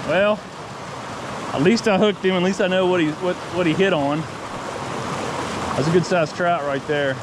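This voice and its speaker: Fly fishing at a mountain creek, a high-voiced man talks casually to his vlog camera and becomes excited, repeating himself, when he gets a bite. Loud noise from the rushing stream runs throughout this outdoor recording.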